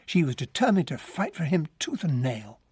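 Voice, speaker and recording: Earnest, animated English gentleman Captain Hastings. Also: on the high side, moderate pace, slightly rough, dry recording, heavily acted. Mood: reflective narration. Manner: earnest, well-bred, expressive. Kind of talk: radio drama acting and first-person narration.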